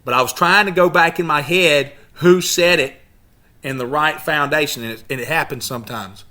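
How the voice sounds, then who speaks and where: A man lectures a study group in a fairly high, emphatic voice. He keeps firing rhetorical questions at his listeners and often stumbles and restarts mid-phrase. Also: moderate pace, pushed and bright. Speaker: YouTube channel host leading a study group. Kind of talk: lecture-style talk to a group.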